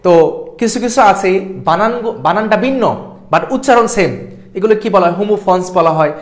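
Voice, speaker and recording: A man's voice: high voice, lively intonation, a little fast. A young man tutoring for an admission exam in a live class lecture, repeating points emphatically and often checking that students follow. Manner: repetitive, emphatic, keeps checking understanding.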